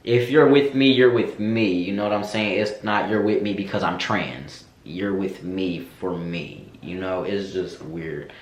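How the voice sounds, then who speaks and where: An American vlogger, a young man, answers viewer questions in a candid, sassy, slangy chat to camera. His low-sitting voice is unhurried yet barely pauses, and the room is echoey.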